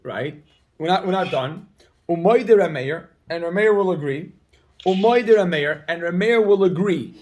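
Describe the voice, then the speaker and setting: High-voiced man drilling a Talmud class. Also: moderate pace. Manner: repeats key phrases over and over, drilling the point; energetic and emphatic, calling on students. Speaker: Talmud teacher. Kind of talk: Talmud class reading and explaining text.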